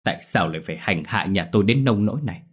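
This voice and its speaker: A man voicing a worried middle-aged uncle in an audio ghost story, speaking in a hurried, anxious way. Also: low-pitched. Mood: distraught.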